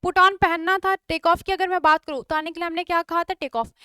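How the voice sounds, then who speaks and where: A woman's voice: very high voice, fairly even intonation, fairly quick, pushed and bright, dry recording, studio quality. A woman with an Indian accent teaching a spoken English class online, explaining step by step and often checking whether everyone follows.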